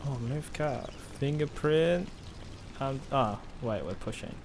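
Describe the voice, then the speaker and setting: A man's voice: medium pitch, expressive, slow pace, noisy background. A young man giving casual gameplay commentary into a close microphone. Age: young adult. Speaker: gamer. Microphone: close boom-arm microphone. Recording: loud game music behind.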